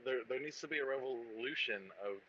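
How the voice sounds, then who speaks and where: A man's voice: mid-range voice, fairly quick, bright, forceful tone, muffled recording, a little hiss or hum. A man chatting as a podcast guest, hesitant and restarting his sentences often. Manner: hesitant, many restarts and fillers. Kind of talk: casual podcast chat.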